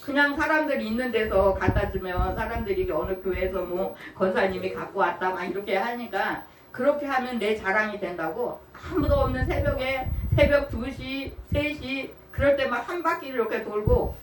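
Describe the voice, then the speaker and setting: A woman in her sixties preaches in a church sanctuary, her voice a little high and her speed normal. She keeps it conversational, sharing personal stories, laughing often, and putting questions to the congregation. The recording is echoey, with the mic far off and faint noise present.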